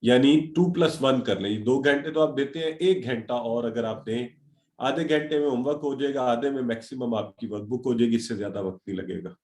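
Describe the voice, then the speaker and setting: A man's voice: mid-range voice, a little mellow. A middle-aged man teaching a grammar lesson over a video call, encouraging and dropping English words into his talk. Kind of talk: online class lecture.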